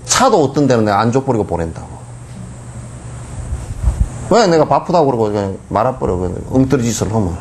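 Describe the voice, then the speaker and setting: Monk, mocking tone. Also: male voice, medium pitch, brisk, pauses often, a little hiss or hum. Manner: colloquial, mocking, lively asides. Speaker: Buddhist monk teaching. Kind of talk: dharma lecture.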